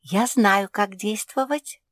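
A woman voicing a kind, helpful female crow fairy who talks calmly and gently. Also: medium pitch, takes it slowly, no echo, studio quality, voice pushed up, natural voice. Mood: gentle.

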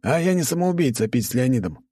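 A man's voice: mid-range voice, big pitch swings, fast, mellow, breathy edge, no echo, voice pushed up. A male narrator voicing a wry, joking young aristocrat in an audiobook, in a raised register.

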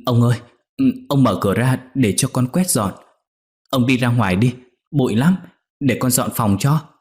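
A man's voice: mid-range voice, moderate pace, a little mellow, voice pushed up, natural voice. A man voicing a frightened young servant girl who begs and pleads in tears. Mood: pleading. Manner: pleading, tearful begging.

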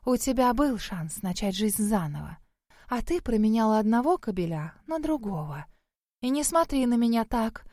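A woman's voice: on the high side, sing-song, normal speed, dark tone, no echo. A woman narrator puts on a cranky female spirit who lives in a well. She grumbles and scolds in a slightly raised voice. The sound is dry and close. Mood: grumbling, scolding.

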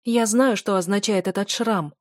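A woman's voice: mid-range voice, moderate pace, darkish tone, dry recording, studio quality, lightly acted. A woman reading an audiobook voices an anxious, tearful young wife who speaks in a raised, pleading, urgent way.

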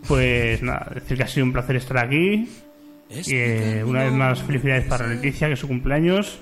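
A man co-hosts a radio show in a relaxed, hesitant way, full of "pues nada" fillers. His voice sits mid-range, and soft music plays underneath. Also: mid-range voice, a little fast. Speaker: radio co-host. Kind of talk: casual radio chat.

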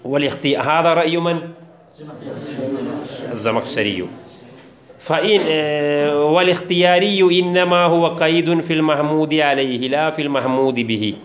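A man's voice: on the high side, echoey room. A man teaching a theology text in a classroom, repeating key phrases, quizzing his students and joking with them.

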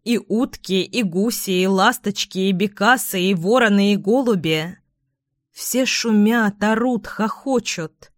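A woman reads a children's fairy tale aloud at a slow, unhurried pace. Her telling is even and clear. The recording is dry and close, with no room sound. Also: medium pitch, no room sound. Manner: slow, even storybook reading. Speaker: storyteller.

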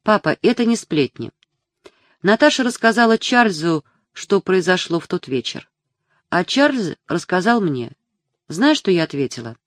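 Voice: medium pitch, big pitch swings, a little slow, dry recording, clean studio sound. A reader voicing a grown daughter, anxious and tearful, pleading earnestly with her father in an audiobook. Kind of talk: audiobook character reading.

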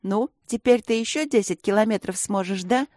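A woman's voice: medium pitch, normal speed, darkish tone, dry recording, studio quality, voice pushed up, natural voice. Anyuta, a woman voicing a wry, loyal teen girl. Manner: drawling, wry teasing. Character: loyal, lazily ironic teenage girl friend.

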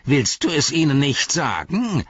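A man's voice: low-pitched, big pitch swings, creaky, pushed and bright, slightly rough, dry recording, full character voice. A man doing a sneering old wizard. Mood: mocking. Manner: mocking, drawn-out, taunting. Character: sneering old male wizard, cruel and spiteful. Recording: dry, slightly dull studio read.

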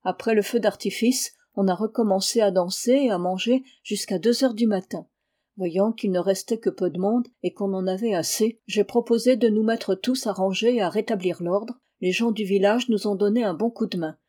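A woman's voice: medium pitch, moderate pace, dark tone, lightly acted. A woman reading a dutiful factory foreman.

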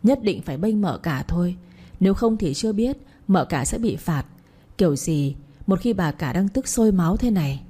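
Husky dark-voiced woman narrating. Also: lowish voice, moderate pace. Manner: reads all roles in one steady voice. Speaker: audiobook narrator. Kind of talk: storybook narration of a period romance.

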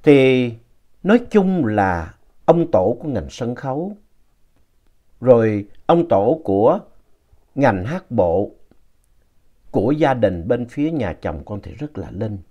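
A man narrating a ghost story in a slow, retelling manner. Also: mid-range voice, very animated, highs cut off.

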